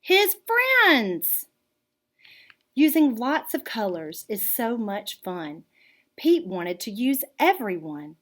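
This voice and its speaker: Reading a children's picture book to listeners, this art teacher uses a somewhat high voice and tells the story with deliberate, expressive care.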